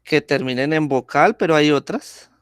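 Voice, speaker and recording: A man's voice: fairly high pitch, clear, resonant tone, no room sound, studio quality. A man teaching a grammar lesson over a video call, speaking patiently and checking in with the class often. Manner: slow, patient, checks in with frequent "¿sí?".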